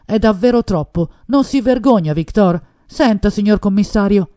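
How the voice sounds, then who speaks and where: Brief: a woman playing an agitated young man, loud and pressing, soft-toned voice. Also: lowish voice, lively intonation, normal speed, lightly acted. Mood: indignant. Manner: raised, urgent delivery. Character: loud indignant young man, hot-headed.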